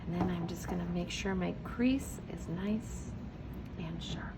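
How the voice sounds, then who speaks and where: Heavy background noise sits behind a woman with a lowish, gravelly, unhurried voice. She's a preschool teacher hosting a children's read-aloud and craft video, and she patiently encourages young children through each craft step, frequently asking questions and supplying the answers herself.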